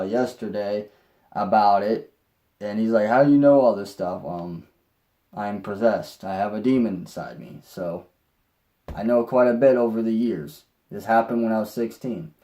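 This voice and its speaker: A man's voice: fairly low pitch, fairly even intonation, normal speed, warm tone. A young man telling a personal story in a rambling way, with restarts and mild swearing. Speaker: vlogger.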